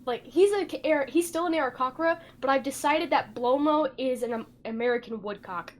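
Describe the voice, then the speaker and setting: A woman's voice: high-pitched, a little fast. A woman chatting casually and playfully as a player in a tabletop game.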